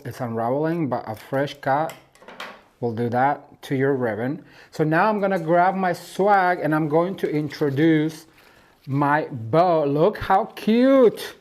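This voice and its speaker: A man's voice: medium pitch, darkish tone. A man from Mexico hosting a home decor channel, talking viewers through a DIY craft tutorial in a chatty, gushing way and calling them "you guys".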